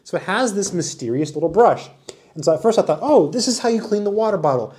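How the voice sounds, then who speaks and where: A man's voice: high-pitched, lively intonation, fast talker, a little mellow. A man in his forties doing a casual, enthusiastic product review, talking while he handles and demonstrates the item indoors. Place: small indoor room with wood-panel wall.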